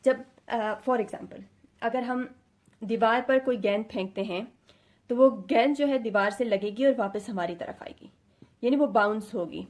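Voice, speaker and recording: A woman's voice: a little high, a little mellow. A woman teaching a Quran reading lesson, explaining patiently step by step and sounding out letters, with English words mixed into her Urdu. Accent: Pakistani Urdu. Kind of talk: explanatory lesson, addressing students.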